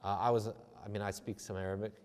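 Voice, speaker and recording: A man's voice: on the low side, little pitch movement, fast talker, darkish tone, clean tone. A man, a theology lecturer, answering audience questions in a conversational, discursive way with self-deprecating asides and frequent restarts, speaking in a chapel. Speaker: theology lecturer giving a talk. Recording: long chapel reverb.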